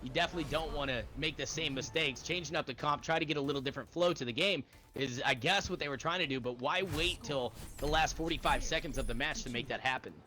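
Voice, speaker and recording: A man doing energetic play-by-play commentary on an esports match, calling the action in quick bursts. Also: medium pitch. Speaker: esports caster.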